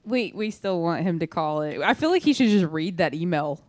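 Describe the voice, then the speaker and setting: A woman's voice: lowish voice, animated, normal speed, a little mellow, no room sound. A woman co-hosting a podcast in casual chat, teasing and giggly, tripping over words while reading stories. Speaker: podcast co-host.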